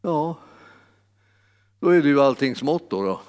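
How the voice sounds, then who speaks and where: A male preacher with a fairly high, smooth, slightly mellow voice and lively intonation delivers a sermon. He is halting, restarting often and repeating words, and at times rises into exclamations. A long hall reverb trails his speech.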